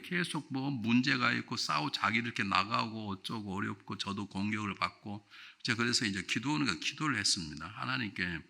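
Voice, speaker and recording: Older man preaching a revival sermon. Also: on the low side. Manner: swings from loud exclamations to quiet storytelling; rhetorical questions to the congregation. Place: church sanctuary.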